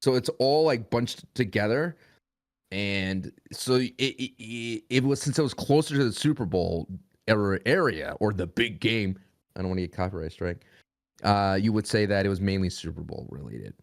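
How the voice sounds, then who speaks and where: A man's voice: fairly low pitch, expressive, normal speed. A young man talking as a podcast guest in a rambling, casual way. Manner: rambling, frequent restarts and fillers.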